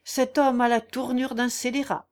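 A woman reading aloud, voicing a proud, protective gentleman with a haughty, indignant manner. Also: fairly high pitch, flat delivery, normal speed, pitched above the performer's own voice, close to an everyday voice.

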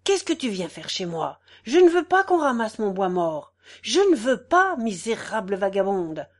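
A woman's voice: medium pitch, expressive, slow pace. Woman putting on a pompous bullying squire. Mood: furious. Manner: boastful, then furious and shouting, then fawning.

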